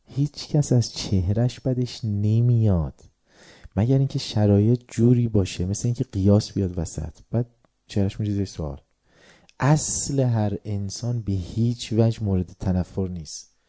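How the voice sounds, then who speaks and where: A middle-aged man from Tehran preaching to a seated crowd, his voice mellow and warm. He drops into quiet, drawn-out musing, then flares up loudly to put a pointed question to the room. His delivery feels unhurried and conversational, like a teacher leading his listeners step by step. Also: on the low side. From Tehran, Iran. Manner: questions the audience, shifts between quiet musing and sudden loud bursts. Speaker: religious lecturer. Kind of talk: sermon to a live audience.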